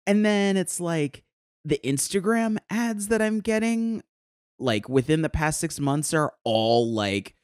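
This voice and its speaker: A man's voice: a little high, slow, clear, resonant tone, dry recording, clean studio sound. A man co-hosting a casual podcast chat, talking in a jokey way with many fillers. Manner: animated, filler-heavy, jokey. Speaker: podcast co-host.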